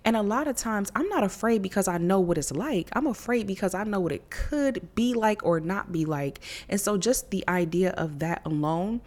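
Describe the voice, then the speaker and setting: A woman's voice: mid-range voice, lively intonation, normal speed, hardly any pauses, darkish tone. A young woman hosting her own podcast from her living room, talking casually and candidly into a handheld mic, cursing freely and laughing often. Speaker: podcast host. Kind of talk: casual solo podcast talk.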